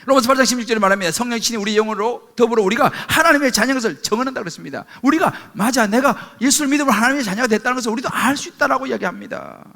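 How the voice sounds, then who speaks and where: A man's voice: very high voice, rapid-fire, creaky, hardly any pauses, sharp tone. A middle-aged male pastor preaching a sermon with emphatic rhetorical questions, calling on the congregation for amens.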